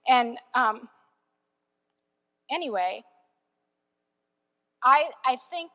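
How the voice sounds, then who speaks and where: A woman's voice: high-pitched, animated, drawn-out words, in a large hall, lo-fi sound. A young woman sharing her personal faith testimony in a chatty way, with lots of "like" and "um.". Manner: chatty, many fillers like "like" and "um". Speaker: church member sharing testimony.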